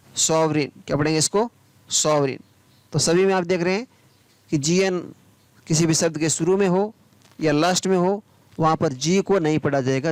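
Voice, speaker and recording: A man teaching English pronunciation. He spells each word out letter by letter, then says it slowly, and asks the viewer questions that he answers himself. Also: fairly high pitch, dry recording. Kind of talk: spoken English pronunciation lesson.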